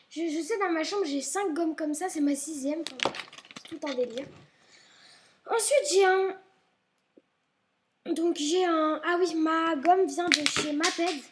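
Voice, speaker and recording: A woman's voice: high voice, a little hiss or hum. A young woman vlogging at home and chatting about her school supplies, rambling and often apologizing, a little ill and maybe stuffy-nosed. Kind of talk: casual chat showing school supplies. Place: at home, indoors.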